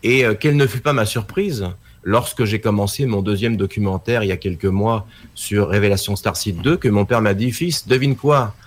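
A man's voice: lowish voice, moderate pace, few pauses. Middle-aged man telling a story. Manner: animated storytelling, acts out quoted dialogue. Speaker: guest documentary maker. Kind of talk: casual spoken storytelling.

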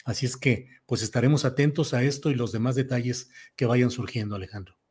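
A man hosting a live news programme, with a measured, formal and wordy way of talking. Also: medium pitch, darkish tone, slightly rough.

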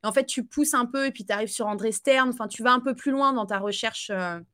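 A woman guest on a podcast, talking casually about her life in a halting way full of fillers and restarts, and laughing easily. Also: a little high, bright, forceful tone. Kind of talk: casual conversational interview.

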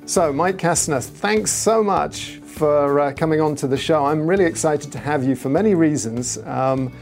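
A man hosting a podcast interview in a casual, enthusiastic way, pausing with fillers. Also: a little high, soft background music. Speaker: podcast host.

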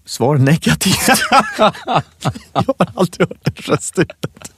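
A man's voice: on the high side, animated, breathy edge, dry recording, clean studio sound. Playful teasing man, podcast co-host. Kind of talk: casual podcast chat.

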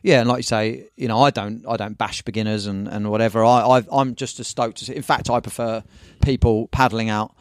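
Casting: English man, rapid rambling storyteller, slangy, dry close mic. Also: lowish voice, fairly even intonation, clean tone, dry recording. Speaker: guest, surf magazine owner. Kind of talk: casual podcast chat.

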